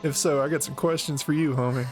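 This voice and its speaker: Male gaming host: higher-pitched, wry, slangy, informal playthrough commentary over clear game music. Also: steady tone, quick pace, low-quality recording. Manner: joking, slangy, wry reactions. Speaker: gaming video host playing through a game. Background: game music and effects.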